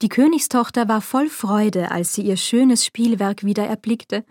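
A woman reads an old fairy tale aloud at an even, measured pace. Her voice sits in a mid range and sounds close and dry, with no room around it. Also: mid-range voice, dry recording. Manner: calm, measured storytelling phrasing. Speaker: narrator.

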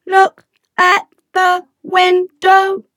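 Woman doing a friendly classroom robot, monotone sing-song, very slow, dry close sound. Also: extremely high pitch, no echo, heavily acted. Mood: cheerful, bossy. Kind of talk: children's English lesson chant.

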